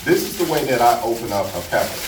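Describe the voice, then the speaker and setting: A man's voice: medium pitch, very animated, fast. A man teaching an informal hands-on cooking demonstration, explaining carefully and unhurriedly step by step and often checking that listeners follow. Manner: often checks understanding with okay, right. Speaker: cooking club instructor, home cook. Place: indoors at a house, far from mic. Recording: roomy, distant mic with loud noise.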